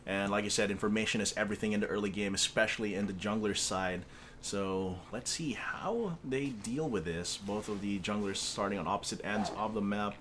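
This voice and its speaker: A man's voice: on the low side, a little fast, a bit bright, a little hiss or hum. A man doing esports play-by-play, with easy laughter and lots of hesitant fillers. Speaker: esports caster. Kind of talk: play-by-play commentary.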